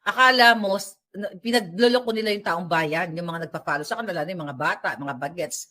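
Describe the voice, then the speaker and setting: A woman's voice: lowish voice, a little fast, sharp tone. A woman giving casual, sarcastic vlog commentary at home, ranting animatedly and mixing in English. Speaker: political vlogger. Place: at home while tidying up.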